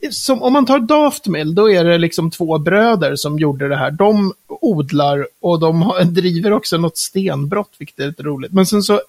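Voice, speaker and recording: Male podcast co-host, gravelly, chatty rambler. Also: fairly high pitch, animated, few pauses, darkish tone. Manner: rambling, chatty, with many fillers. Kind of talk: casual chat.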